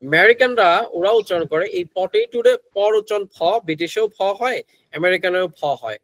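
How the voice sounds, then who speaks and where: A man's voice: sits high, brisk, a bit bright, no echo, rough recording. A man with a Bangladeshi accent, teaching an English pronunciation class who mixes Bengali with English phrases and keeps asking his students questions. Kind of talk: online class lecture.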